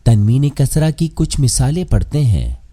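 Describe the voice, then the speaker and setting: A man teaching Quran pronunciation rules in a measured, scripted lesson. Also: mid-range voice, big pitch swings, dark tone.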